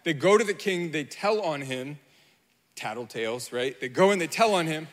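A man preaching a sermon, retelling a Bible story with animated energy and slipping into the voices of its people. His voice sits fairly high for a man. It carries the long reverb of a large hall. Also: moderate pace. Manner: animated storytelling, acting out Bible figures in quotes. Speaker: pastor.

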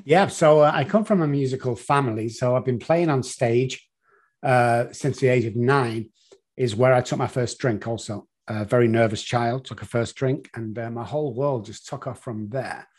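A middle-aged Mancunian man from Manchester, England, an addiction consultant appearing as a guest, tells his life story in conversational storytelling. His mid-range voice moves at a moderate pace, animated and rambling with many fillers.

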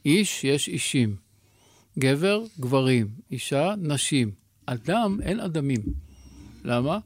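A man, a rabbi and guest, explaining mystical teachings in a measured, teacherly way with rhetorical questions, recorded in a studio. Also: mid-range voice, lively intonation, no echo.

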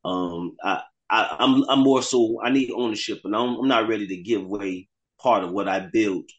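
A man from South Florida, a guest artist, talking casually over the phone in a relaxed, hesitant way with many fillers. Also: on the low side, moderate pace, lo-fi sound.

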